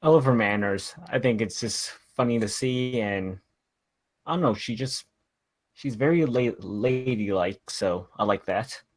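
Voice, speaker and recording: A man's voice: lowish voice, measured pace. Hesitant male podcast guest. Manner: hesitant, says he stutters. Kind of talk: casual podcast chat.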